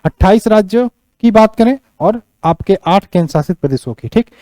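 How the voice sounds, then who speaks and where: High-voiced male teacher giving a lecture. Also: animated, brisk, warm tone, dry recording. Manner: repeats key points, keeps checking in with "theek". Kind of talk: classroom lecture on geography.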